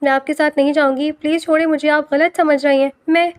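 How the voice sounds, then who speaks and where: A woman's voice: sits high, fairly even intonation, close to an everyday voice. A pleading young college girl, read by a woman. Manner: pleading, tearful. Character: young female student, hurt and pleading.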